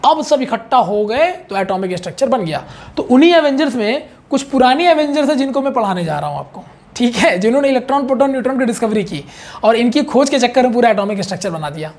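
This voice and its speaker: A man's voice: extremely high pitch, big pitch swings, quick pace, darkish tone. A male chemistry teacher giving a casual online exam-prep lecture, chatty, repeating key points and checking in often with his students.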